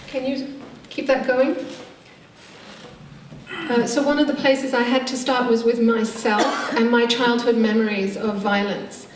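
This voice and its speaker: An English-accented woman whose voice sits on the high side presents on a conference panel as a theatre maker, her roots in a Turkish Cypriot immigrant background. She speaks in articulate, academic terms with some hesitation. Captured from afar in a conference room, the audio is echoey with background noise.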